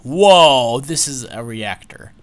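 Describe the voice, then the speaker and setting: Excitable man chatting while gaming. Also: mid-range voice, slow pace. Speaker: channel host, game player. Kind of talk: casual gaming chat.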